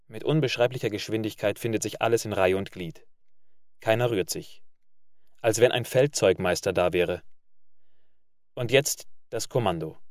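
A man narrating a literary story in a measured reading voice. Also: mid-range voice, no echo, clean studio sound. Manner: measured reading, loud barked commands for characters.

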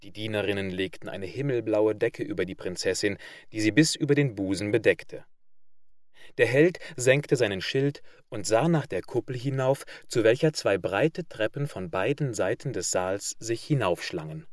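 Low-voiced man reading a fairy tale. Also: no room sound, clean studio sound. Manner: measured, even literary reading. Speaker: audiobook narrator. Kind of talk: scripted narration of a fairy tale.

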